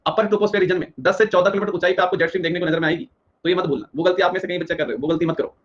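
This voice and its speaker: A young man leads a live exam-prep geography lecture, quizzing his students and chanting each answer back several times. He talks very fast in a somewhat high voice. The sound is dull and slightly lo-fi. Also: fairly even intonation. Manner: drills questions, repeats answers rapidly, addresses students directly. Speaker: teacher.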